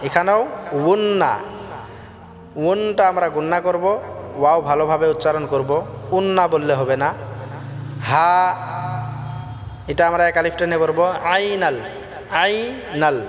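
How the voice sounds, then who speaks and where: A man teaching Quran recitation, chanting verses in a slow drawn-out melody and then explaining pronunciation plainly. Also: fairly high pitch, long reverb tail.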